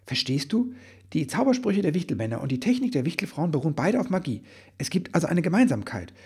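A man voicing an anxious, earnest male Christmas elf in a storybook reading, husky, hesitant and sometimes rushing. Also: medium pitch, big pitch swings, warm tone, exaggerated voice. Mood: excited. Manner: hesitant, then tumbling out words.

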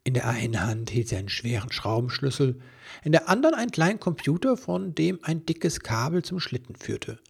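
A man reading a children's story aloud, lively and doing voices for the characters. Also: medium pitch, fairly quick, vocal fry, breathy edge. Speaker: narrator.

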